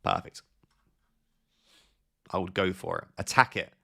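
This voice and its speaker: Young man, casual live-stream host, low voice, gravelly, reads chat aloud, offhand advice, thinks out loud. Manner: reads viewer messages aloud and gives quick advice; thinks aloud with fillers and restarts.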